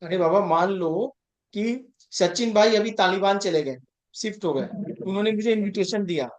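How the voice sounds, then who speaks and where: Teaching astrology conversationally at a moderate pace, this high-voiced man emphasizes key points and repeatedly checks that his students understand. His Hindi is sprinkled with English terms, and the room gives an echo.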